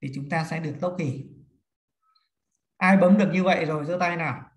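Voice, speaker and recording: A man's voice: fairly high pitch, steady tone. A man teaching a class, counting and explaining steps one by one to his students. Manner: slow, step-by-step counting and instructing. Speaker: feng shui teacher. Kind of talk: classroom lesson. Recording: echoey room.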